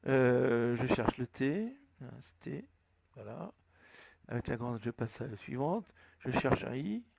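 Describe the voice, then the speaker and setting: Slow gravelly French man. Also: mid-range voice, sing-song, darkish tone. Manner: slow step-by-step explaining, thinking aloud. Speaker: flight sim tutorial maker. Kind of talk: screen-recorded tutorial narration.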